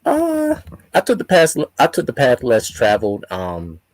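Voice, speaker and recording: A man's voice: mid-range voice, wildly swooping pitch, a little slow, dry recording. A man answering interview questions as a spoken word artist, reflective and building emphasis through repeated phrases. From born in Nigeria, grew up in the United States.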